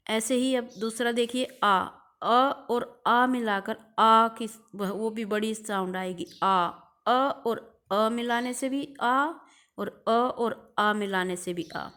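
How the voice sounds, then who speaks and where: A woman's voice: a little high, slow, a bit bright. A woman teacher giving a recorded grammar lesson, drawing out examples and repeating key terms.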